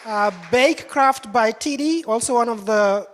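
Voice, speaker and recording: A woman's voice: on the high side, unhurried. Woman reading off winners one by one, light crowd murmur, big echoey hall. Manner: steady list reading. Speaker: awards presenter. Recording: hall reverb with crowd noise.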